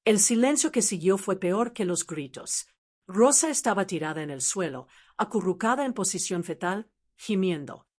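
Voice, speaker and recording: A woman's voice: mid-range voice, animated, moderate pace, a little mellow. A woman telling a scripted first-person family drama in a dramatic storytelling delivery.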